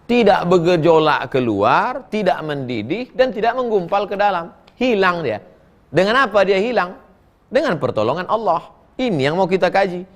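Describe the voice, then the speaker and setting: Animated, joking middle-aged male preacher. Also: high voice, moderate pace. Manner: folksy, joking, animated storytelling. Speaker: preacher answering questions. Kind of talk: humorous question-and-answer sermon.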